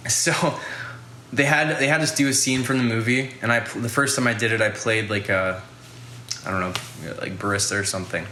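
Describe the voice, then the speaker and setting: A man's voice: mid-range voice, steady tone, a little fast, pushed and bright, roomy sound, slight background noise. A young man hosting a podcast, telling a casual story in a rambling way, full of fillers and swearing. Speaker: podcast host.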